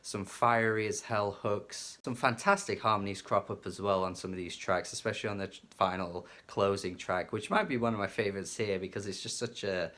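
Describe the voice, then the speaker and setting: A man's voice: fairly low pitch, steady tone, fairly quick, few pauses, bright, forceful tone. A man casually reviewing a rock album, enthusiastic and chatty, with fillers and some swearing. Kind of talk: casual music review monologue.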